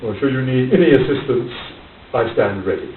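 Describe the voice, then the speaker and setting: A man's voice: mid-range voice, fairly quick, lightly acted. Doctor sidekick for radio play, male actor: amiable, puzzled, courteous, swooping intonation, tinny distant sound. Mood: earnest. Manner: hesitant, courteous, expressive. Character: amiable, puzzled, loyal English doctor, detective's companion. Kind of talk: radio drama acting. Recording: tinny, roomy, distant, hissy amateur recording.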